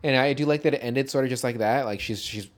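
A man's voice: mid-range voice, fast talker. A man co-hosting a casual movie podcast, talking in a rambling, jokey way with lots of swearing. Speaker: podcast co-host.

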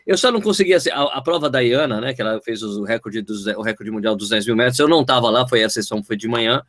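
A man co-hosting a sports talk stream, chatting casually, full of restarts and excited jumps in his voice. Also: quick pace. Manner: excitable, restarts often, voice jumps high when retelling. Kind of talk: casual chat.

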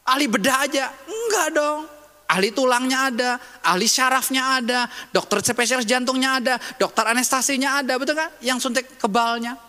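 High bright-voiced male preacher in a reverberant hall. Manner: emphatic, conversational, rhetorical questions. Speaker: pastor. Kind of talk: sermon.

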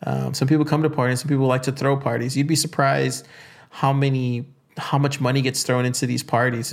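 A man's voice: mid-range voice, vocal fry. A young adult man hosting a podcast, telling stories casually and rambling with many fillers and restarts. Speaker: podcast host. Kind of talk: casual solo podcast talk.

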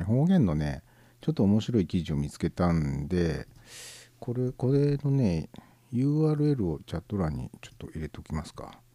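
A man from southern Gifu, Japan, with a Gifu-Nagoya accent, hosting a casual internet radio show alone in a relaxed, musing way, with many fillers. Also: lowish voice, no room sound. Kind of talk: casual solo chat.

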